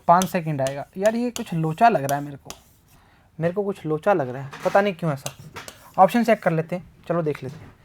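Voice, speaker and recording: Chatty, joking man tutoring physics. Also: high voice. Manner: chatty and joking, talks to himself and to students; reads problems aloud, mixing English terms into the talk. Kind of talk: casual exam-prep lesson, solving questions aloud.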